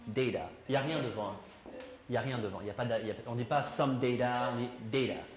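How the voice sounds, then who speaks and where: A man's voice: mid-range voice, fairly even intonation, quick pace. A man teaching an English class, explaining in a chatty way and putting questions to his students. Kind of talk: classroom lesson. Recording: roomy classroom echo, faint noise.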